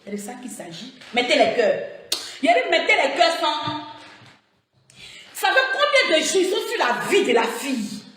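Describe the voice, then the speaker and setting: A high-voiced woman with an Ivorian French accent, heated and taunting, her pitch swinging widely as she mocks in a sing-song tone. She streams live from her phone, and the room around her is full of strong echo. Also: big pitch swings, normal speed, fairly bright tone, a little hiss or hum. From Côte d'Ivoire. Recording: very echoey room sound.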